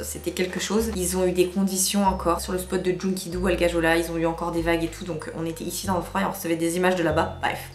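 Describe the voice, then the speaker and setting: A woman's voice: fairly low pitch, reverberant. A woman in her thirties with a Northern French ch'ti accent, chatting casually and self-mockingly to her vlog audience. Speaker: vlogger. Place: outdoors in the sun, then indoors.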